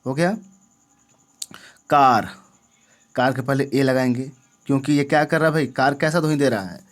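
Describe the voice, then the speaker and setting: A man's voice: medium pitch, normal speed. A man teaching an English grammar lesson, often asking the viewer questions and checking that they understand. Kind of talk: classroom-style lesson.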